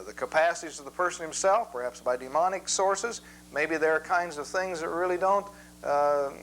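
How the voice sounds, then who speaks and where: A man teaching a Bible lesson in a measured, methodical way, reading scripture passages aloud. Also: a little high, fairly bright tone, a little hiss or hum, poor audio.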